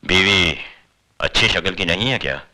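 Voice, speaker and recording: An actor playing a stern police officer who interrogates curtly and sarcastically. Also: male voice, sits low, expressive, moderate pace, sharp tone, heavily acted.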